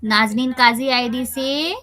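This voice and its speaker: Bright-voiced woman teaching tajweed online. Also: high voice, dry recording, clean studio sound. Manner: patient, checks understanding with "theek hai?"; slowly spells out recitation examples. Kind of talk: online class teaching children.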